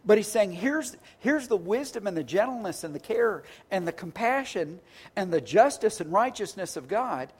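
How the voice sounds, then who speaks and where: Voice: medium pitch, a little mellow, husky. A pastor preaching a sermon in a conversational, earnest way, often restarting words and stacking phrases into lists.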